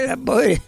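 A man's voice: very high-pitched, vocal fry, a little mellow, husky. A man hosting a local radio show in a chatty, rambling way, with joking asides. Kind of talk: casual radio chat.

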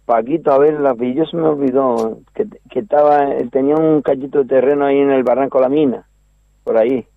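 A man's voice: medium pitch, fairly even intonation, brisk, gravelly, no echo. An older man with a Canarian Spanish accent, calling in to a radio chat and rambling through old memories with many restarts. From Canary Islands. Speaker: caller. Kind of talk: casual radio phone chat. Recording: tinny phone line.

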